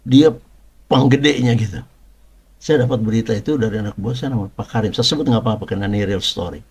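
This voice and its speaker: A man's voice: fairly low pitch, quick pace, a little mellow, husky. A middle-aged man preaching and telling a personal testimony, in a conversational style full of rhetorical questions and emphatic repetition.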